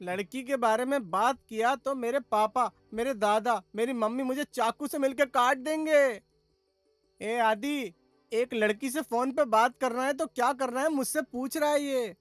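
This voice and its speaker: A man's voice: very high voice, a little slow, fairly bright tone, dry recording, faint music behind. A man dubbing a film as a nervous, comic young buddy of the hero.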